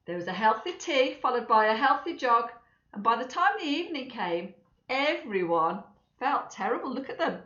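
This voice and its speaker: This storybook reader's voice is a little high and bright, with a sing-song lilt at a moderate pace. She reads expressively to schoolchildren and drops in chatty remarks for the young audience, recorded in an echoey space that sounds slightly dull.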